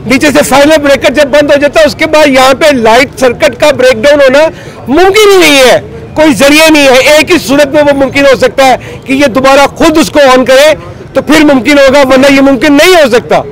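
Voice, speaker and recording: Outdoors on a busy city street, a middle-aged Pakistani man who leads market traders speaks into a reporter's handheld mic, agitated and pleading and gesturing forcefully. His voice is very high, and he talks fairly quickly. The audio is poor, with a faint crowd behind him.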